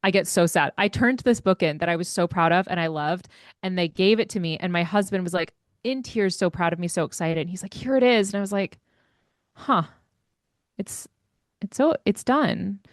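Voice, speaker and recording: A woman's voice: fairly low pitch, fast talker, dry recording. Chatty woman with a dry, close sound. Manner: chatty, self-deprecating, laughs often. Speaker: guest, educator and author. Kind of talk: casual interview talk.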